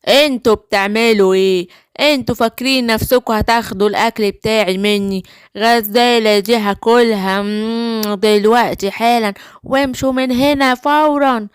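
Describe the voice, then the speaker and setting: A woman with an Egyptian accent voicing a sly, hungry male wolf in a children's cartoon, talking slowly and menacingly. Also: a little high, smooth, dry recording, pitched below the performer's own voice, lightly acted. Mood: threatening. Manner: slow, menacing, gloating.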